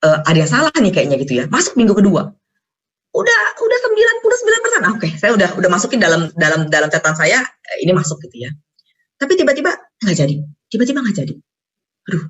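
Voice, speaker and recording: A woman's voice: mid-range voice, a bit bright. A woman preaching a sermon in a conversational, colloquial way, mixing in a personal testimony. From Indonesia.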